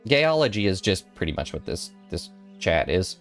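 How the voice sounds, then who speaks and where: A man's voice: sits low, big pitch swings, moderate pace, soft background music. A young man in his twenties chatting casually with viewers on a stream, rambling and playful with giggly asides. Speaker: VTuber streamer.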